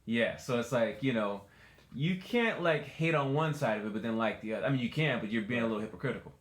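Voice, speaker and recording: Teasing, opinionated male host, mid-pitched voice, recorded in a roomy space. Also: fast talker. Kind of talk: casual chat. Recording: echoey room.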